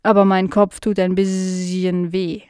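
A befuddled male house fly, put on by a woman reading a children's story, speaks in a strangely altered, slow, drawn-out voice. He forgets everything moments later and sounds endlessly puzzled. The audio is dry and close. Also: on the low side, little pitch movement, a little mellow, dry recording, close to an everyday voice.

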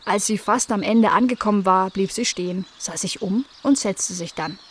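A woman reading a children's story aloud, gentle and even, at a mid pitch. Faint outdoor noise sits behind her voice. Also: moderate pace. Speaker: narrator.

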